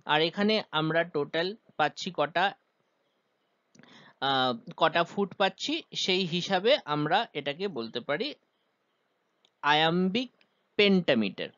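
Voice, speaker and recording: A man's voice: on the high side, expressive, slow pace, long pauses, fairly bright tone, no room sound, highs cut off. A man teaching a poem's rhyme scheme and meter, explaining step by step with frequent "ah" hesitations. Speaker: literature teacher.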